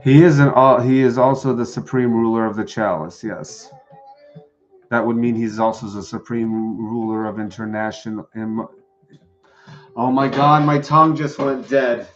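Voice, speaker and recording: Guy reading tarot on a live stream, chatty, mid-pitched voice, kinda dull audio with faint music. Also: fairly even intonation, normal speed. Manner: chatty, reads out chat and greets viewers. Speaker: tarot reader.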